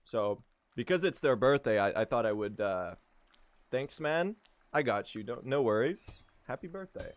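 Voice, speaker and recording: Young male streamer from Sweden, jokey running chat over gameplay, animated delivery. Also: mid-range voice, normal speed, dry recording. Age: young adult. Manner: joking, talks to chat while playing. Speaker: speedrunning streamer. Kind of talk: casual live-stream chat.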